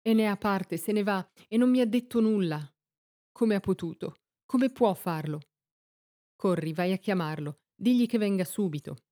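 A woman's voice: mid-range voice, moderate pace, warm tone, lightly acted. A woman reading the lines of a betrayed, heartbroken queen in an impassioned, reproachful way. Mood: alarmed. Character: heartbroken queen Dido, betrayed by her lover.

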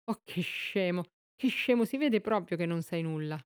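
A woman's voice: mid-range voice, animated, fairly quick, a little mellow, close to an everyday voice. Woman putting on a cocky teenage boy, scornful, mocking, swaggering, storybook reading.

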